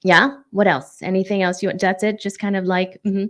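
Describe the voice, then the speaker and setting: A woman hosting her own casual livestream from home, chatty and bubbly, with excited whoops between announcements. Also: mid-range voice, brisk. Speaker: livestream show host and singer-songwriter.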